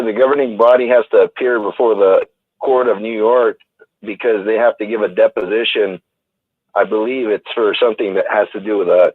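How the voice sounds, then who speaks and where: A man's voice: on the low side, dry recording. Man, caller, crackly phone line with static, tinny, dry, hesitant, fillers. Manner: hesitant, searching for words with many fillers. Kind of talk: call-in chat. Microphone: telephone.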